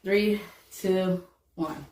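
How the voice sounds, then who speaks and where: A woman's voice: medium pitch, extremely slow, mellow, far from the mic, a little hiss or hum. A laid-back woman co-hosts a casual comedy podcast, laughing easily and reading trivia questions aloud. She sits back from the mic, and her voice has a roomy echo. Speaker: podcast co-host. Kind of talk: casual chat, trivia game.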